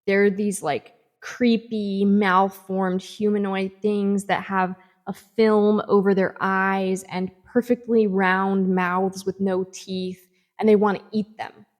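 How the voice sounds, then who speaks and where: A woman giving a casual book review, retelling the plot in an animated way with swings in tempo and lots of fillers. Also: medium pitch, slow.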